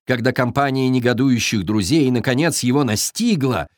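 A storyteller reading a children's fairy tale aloud in a very expressive, sing-song way. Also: mid-range voice, moderate pace, no echo, studio quality.

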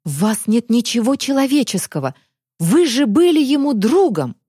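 A woman's voice: fairly high pitch, big pitch swings, measured pace, warm tone, slightly rough, no room sound, studio quality, exaggerated voice. A woman voicing a defiant frightened young woman. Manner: defiant, indignant outbursts.

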